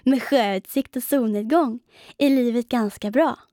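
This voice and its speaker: A woman voicing a small, lost boy spider from a children's storybook, calling out in a high, excited voice. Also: no echo, clean studio sound, close to an everyday voice.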